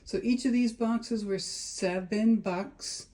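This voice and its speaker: Speaking warmly and slowly in a fairly high voice, a middle-aged woman talks her father through her daily chores in a chatty home video diary. She starts out in the garden and later moves inside the house, plain and folksy as if talking to family, with ambient noise clearly audible.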